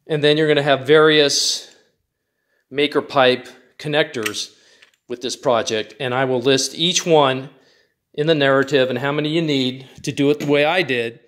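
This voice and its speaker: A man's voice: medium pitch, fairly even intonation, moderate pace, a bit bright. Guy explaining his diy project step by step, plain and methodical, workshop vibe. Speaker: DIY channel host. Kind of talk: step-by-step build tutorial.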